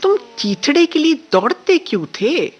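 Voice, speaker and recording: A woman's voice: high voice, very animated, unhurried, dull audio, faint music behind, voice pushed up. A woman voicing a strict, devout middle-aged father in a radio story reading. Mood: questioning. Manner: sharp questioning, then amazed.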